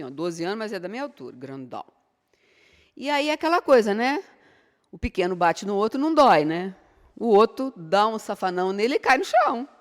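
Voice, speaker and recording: A middle-aged Brazilian woman giving an informal spiritual lecture, chatty and full of rhetorical questions. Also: on the low side. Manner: conversational, rhetorical questions with frequent tag "né?". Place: spiritist center hall. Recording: long hall reverb.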